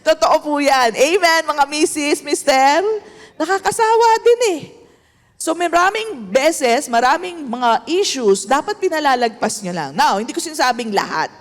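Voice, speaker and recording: Animated Filipino woman preaching. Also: high voice, moderate pace, hardly any pauses. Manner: mixes Tagalog and English, animated, asks the congregation for amens. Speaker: pastor. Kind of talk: sermon. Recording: echoey hall.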